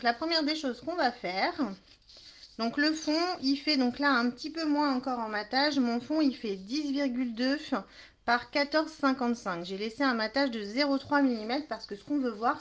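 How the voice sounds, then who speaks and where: Chatty French-speaking craft host, high voice. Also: female voice, a bit bright. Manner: chatty, apologetic, greets viewers while working. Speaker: crafting live-stream host. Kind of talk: casual live craft demonstration.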